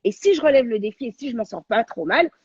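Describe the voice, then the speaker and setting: Husky woman telling a story excitedly. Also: on the high side, fast, dry recording, lo-fi sound. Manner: animated, slangy, dramatic retelling. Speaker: talk show guest, radio and TV presenter. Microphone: video call on a livestream.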